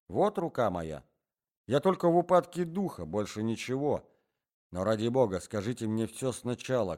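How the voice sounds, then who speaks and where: A man voicing an anxious middle-aged gentleman who pleads in fussy, formal phrases. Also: mid-range voice, voice pushed up, lightly acted.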